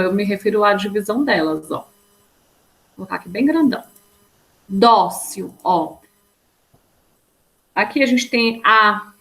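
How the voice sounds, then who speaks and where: A woman teaches a grammar lesson, her voice sitting in an ordinary middle pitch. She explains each rule patiently and step by step. She keeps checking that her students are following along. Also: a bit bright, rough recording.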